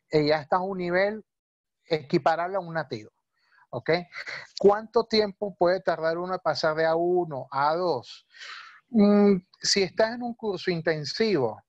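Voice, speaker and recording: A man's voice: fairly high pitch, no room sound, highs cut off. A male language teacher, explaining patiently on a video call and often checking that listeners follow. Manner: patient, many fillers and checking questions.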